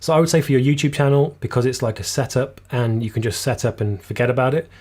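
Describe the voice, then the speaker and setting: A man's voice: mid-range voice, fairly even intonation, quick pace, a little mellow. Casual man hosting a live Q&A. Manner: casual, explanatory, reads viewer comments aloud. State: slightly losing his voice. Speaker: videography channel host. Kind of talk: live Q&A stream. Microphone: shotgun boom mic just out of shot.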